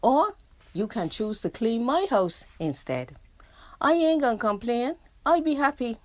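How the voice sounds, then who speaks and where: Slightly high and sing-song at a measured pace, this dry-recorded voice belongs to a middle-aged woman living in England with Barbadian roots and accent. On the radio, she performs her dialect poetry with rhythm, then talks about her book.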